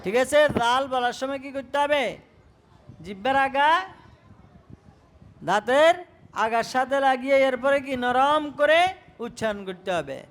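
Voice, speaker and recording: High-voiced man teaching slow letter sounds. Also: fairly bright tone. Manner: slow, drawn-out letter sounds with repeated questions to students. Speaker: Quran reading teacher. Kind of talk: Arabic letter pronunciation lesson.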